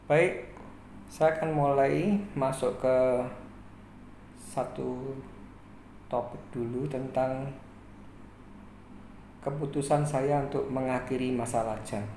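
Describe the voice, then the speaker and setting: Man in his 40s, unhurried life-story narrator, pausing often, echoey room with faint hum behind. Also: medium pitch, fairly even intonation, vocal fry, darkish tone. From Indonesia. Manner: slow, measured, with frequent pauses. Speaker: channel host.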